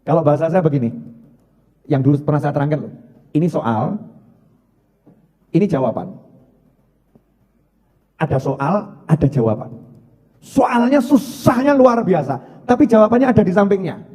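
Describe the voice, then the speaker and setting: A man's voice: fairly high pitch, big pitch swings, normal speed, pauses often, a little mellow, breathy edge, big-room sound. A man preaching a sermon in a conversational, joking way, often asking the congregation questions.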